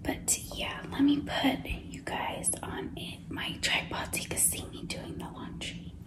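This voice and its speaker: A woman's voice: measured pace, recorded from a distance. A young woman whispering chattily in a clean-with-me ASMR video, talking to viewers while cleaning her apartment kitchen. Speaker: ASMR creator. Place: kitchen of a small apartment, indoors. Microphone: camera on tripod and handheld phone. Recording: echoey room, voice from off the mic.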